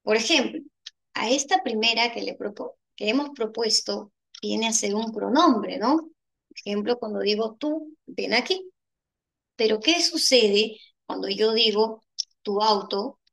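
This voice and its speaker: A woman with a Peruvian Spanish accent explains a grammar exam answer by answer, like a teacher at the board. Her voice sits fairly high and has a gravelly edge. She keeps checking in with the listener through rhetorical questions. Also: a little slow, fairly bright tone. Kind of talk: exam solution lesson.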